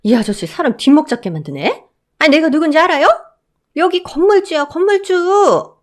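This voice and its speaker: A woman voicing a brash middle-aged mother-in-law who shouts haughtily in a shrill voice. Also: huge pitch swings, normal speed. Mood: indignant.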